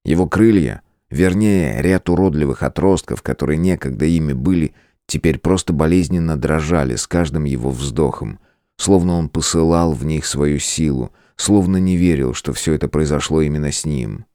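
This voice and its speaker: A man narrating a fantasy audiobook in a measured, dramatic storytelling style. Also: extremely low pitch, warm tone, no echo, clean studio sound.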